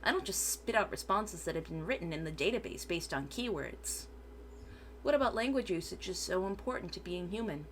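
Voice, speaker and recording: A woman's voice: lowish voice, expressive, brisk, a little hiss or hum. A woman VTuber reading a transcript aloud for her stream, sometimes stumbling over words and correcting herself.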